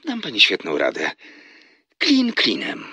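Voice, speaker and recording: A man's voice: low voice, wildly swooping pitch, unhurried, creaky, sharp tone, slightly rough, no room sound, full character voice. An actor playing a flirtatious, teasing salesman in a radio drama who laughs often as he talks on the phone. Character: flirtatious smooth-talking male salesman on phone.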